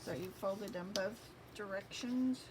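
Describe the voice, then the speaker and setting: A woman's voice: medium pitch, a little slow, background noise. A woman hosting a craft tutorial, giving step-by-step instructions while she works with her hands.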